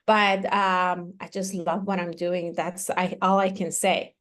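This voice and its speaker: Speaking with a fairly low pitch and a flat delivery, this activewear founder from Iran, a woman in her 40s, takes her time as a guest in a casual interview. She talks chattily, with lots of fillers and restarts, and her tone is fairly bright.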